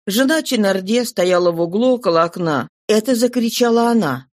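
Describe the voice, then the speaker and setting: Audiobook reader, classic novel, steady even delivery, dry close mic. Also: medium pitch, brisk, no room sound. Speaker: narrator.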